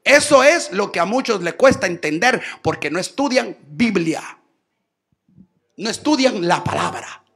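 High, gravelly preacher with shouted bursts. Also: male voice, expressive, a little slow. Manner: preaching, alternating low asides and shouted bursts; addresses listeners as brothers and sisters. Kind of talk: sermon.

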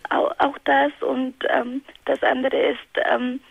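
A woman from Ecuador, calling in over the phone and speaking haltingly with many fillers. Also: high voice, little pitch movement, gravelly, husky, no room sound. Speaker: caller. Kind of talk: emotional phone call. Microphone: telephone. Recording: phone line.

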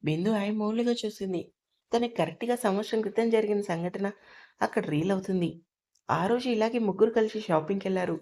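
A woman's voice: medium pitch, darkish tone. Woman steadily narrating an audiobook love story.

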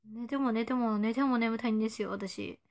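Young female idol, twenties, slightly high voice, playful livestream chatter, drops into whispers now and then. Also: steady tone, moderate pace. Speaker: idol streaming to fans. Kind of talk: casual livestream chat reading viewer comments.

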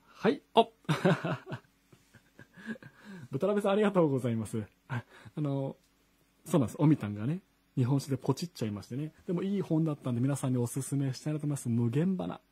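A man's voice: fairly high pitch, lively intonation, brisk, mellow, slightly rough. A singer-songwriter chatting casually from his home studio, greeting viewers by name and reading their comments aloud. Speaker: singer-songwriter hosting a live stream. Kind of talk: casual chat to online viewers.

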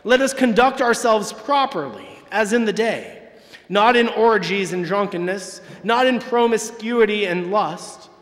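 High-voiced priest preaching in a reverberant church. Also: male voice, expressive. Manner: preaching with emphatic pauses and sweeping gestures. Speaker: parish priest. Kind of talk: Sunday homily. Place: large church, from the pulpit. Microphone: far camera, church sound system.

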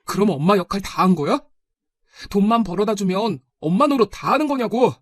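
A woman's voice: mid-range voice, lively intonation, fairly quick, no room sound, clean studio sound, lightly acted. A woman voicing a nineteen-year-old son in a told story, with a reproachful, pointed manner. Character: nineteen-year-old son, resentful but gentle with grandmother. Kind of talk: storybook narration.

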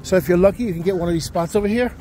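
Middle-aged man, casual walking vlog, high pitched, mellow, outdoors, faint wind. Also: rapid-fire. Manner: chatty, greets passers-by. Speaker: vlogger giving a walking tour. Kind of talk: casual walking-tour narration. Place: outdoors on a windy waterfront causeway park. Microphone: handheld camera while walking. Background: faint wind and outdoor ambience.

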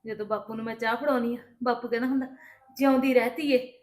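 Patient daughter-in-law played by a woman, Punjabi accent, high voice, calm and reassuring, echoey room. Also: quick pace, close to an everyday voice. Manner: calm, reassuring, explaining at length. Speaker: daughter-in-law in a family drama. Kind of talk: scripted family drama acting.

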